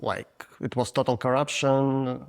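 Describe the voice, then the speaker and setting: A man's voice: mid-range voice, fairly even intonation, vocal fry. Russian-accented man in his forties. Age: 40s. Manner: frank, halting non-native English with restarts. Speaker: guest photographer. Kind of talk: casual interview answers.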